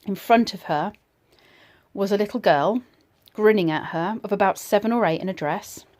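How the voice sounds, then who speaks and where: A woman casually telling a personal ghost story in a reflective, slightly hesitant way, pausing between short phrases. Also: mid-range voice, a little mellow.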